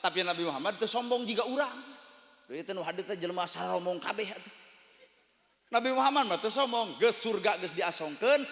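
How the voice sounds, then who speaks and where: Male Sundanese-accented preacher, bright tense tone, lively storytelling sermon, recorded with a long hall reverb. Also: sits high. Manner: animated storytelling, acting out dialogue, bursts of shouting. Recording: echoey hall from a distance.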